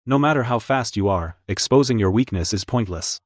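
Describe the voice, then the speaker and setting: A man's voice: on the low side, expressive, brisk, no echo. A man voicing a cold, commanding, menacing young ruler in a dramatic English drama dub. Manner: imperious, menacing, declarative.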